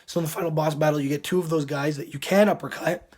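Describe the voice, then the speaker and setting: A man with a hoarse, sick voice that is giving out gives casual commentary as a game reviewer, often clearing his throat. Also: on the high side, steady tone, fast, darkish tone.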